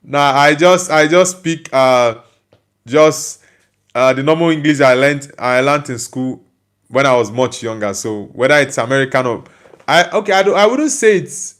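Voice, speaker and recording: Reading viewer comments on his live football stream, a young Nigerian man talks in a slightly high, animated voice that's a bit bright and a little slow. His loose chatter is packed with fillers and false starts.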